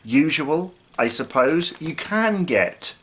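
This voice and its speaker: Fairly high and sing-song, his slightly bright voice moves slowly over a little hiss or hum. The snack review host, a thirties-aged man from the United Kingdom, talks to camera from a small living room, casually and somewhat hesitantly thinking aloud.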